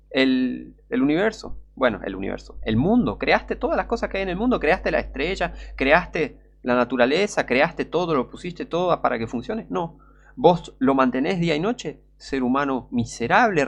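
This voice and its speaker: A man's voice: a little high, sing-song, normal speed, creaky, fairly bright tone. A man with a Rioplatense Spanish accent preaching a fervent, scornful sermon full of rhetorical questions. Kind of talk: impassioned street-style sermon.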